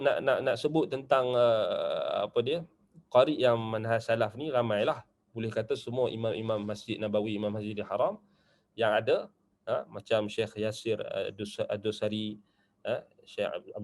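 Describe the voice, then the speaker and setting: A man's voice: on the low side, a little mellow. A man with a Malaysian Malay accent teaching a religious class in a loose, conversational way, dotting his points with short asides and checks for agreement. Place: Islamic study centre classroom.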